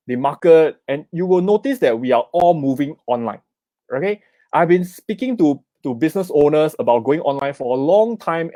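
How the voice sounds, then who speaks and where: Speaking in a slightly high, slightly mellow voice, a middle-aged Singaporean-accented investment speaker leads a live online seminar at a web summit. He keeps tossing in "okay?" and "right?" and presses the audience to comment. The recording has no echo.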